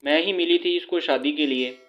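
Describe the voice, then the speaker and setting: A man's voice: on the high side, highs cut off, lightly acted. A man reading as a stubborn, scornful young woman. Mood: angry. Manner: sharp, scornful retorts. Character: stubborn angry young woman refusing marriage.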